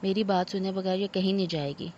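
A woman's voice: medium pitch, fairly even intonation, fairly quick, warm tone, lo-fi sound, slight background noise, close to an everyday voice. A woman voicing an aging, self-pitying mother-in-law who scolds and laments theatrically. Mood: aggrieved. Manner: wailing complaints, theatrical laments.

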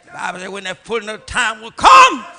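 A middle-aged man preaching a call-and-response sermon as bishop, chanting short phrases that rise to shouts. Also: sits high, huge pitch swings, brisk, creaky. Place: large church sanctuary with congregation. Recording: music and crowd noise from a church service.

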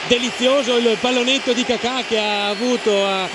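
High-pitched Italian male football pundit. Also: fairly even intonation, brisk. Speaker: football co-commentator. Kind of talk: analytical match commentary. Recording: clear stadium noise behind. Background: stadium ambience.

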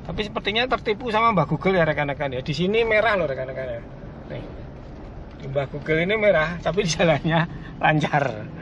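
A man's voice: fairly high pitch, lively intonation, a little fast. A man giving casual commentary while driving a car, chatting to his viewers as he goes. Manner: chatty, keeps addressing viewers as colleagues. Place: inside a moving car. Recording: slightly muffled, faint road noise.

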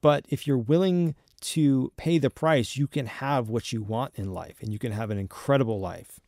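A young adult man, a podcast guest, explaining ideas earnestly and in a measured way, with frequent restarts. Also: mid-range voice, a little mellow, dry recording, studio quality. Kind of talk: thoughtful conversational explanation.

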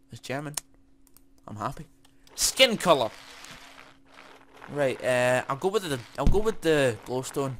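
A man giving excitable, sweary commentary while playing a game, muttering to himself as he goes. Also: a little high. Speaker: gaming YouTuber. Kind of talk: casual let's-play commentary.

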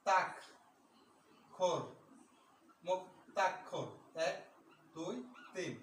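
A male teacher giving a slow, patient lecture, counting syllables aloud and pausing often with fillers. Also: high-pitched. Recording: echoey room from far off, faint noise.

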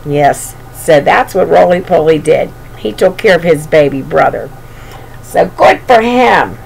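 An older woman's deep, darkish, creaky voice sounds animated as she reads a storybook a little slowly and talks affectionately to small children. She's in a small bedroom, picked up by a webcam at arm's length amid home noise.

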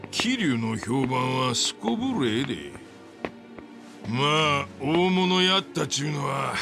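A man playing a scornful, domineering middle-aged yakuza boss in a video game, with a Kansai accent and a gravelly, mocking, bullying delivery. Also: a little high, exaggerated voice. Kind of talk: dramatic video game acting.

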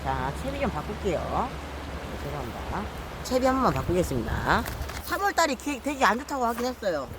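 A man vlogging while he fishes outdoors. He mutters apologies to the viewers, then breaks into loud, frustrated outbursts. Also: high-pitched, wildly swooping pitch, a little fast. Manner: self-mocking, swings between mumbled apologies and loud frustrated outbursts. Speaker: fishing vlogger. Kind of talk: casual solo vlog narration. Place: outdoors by the water. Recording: noisy outdoor recording.

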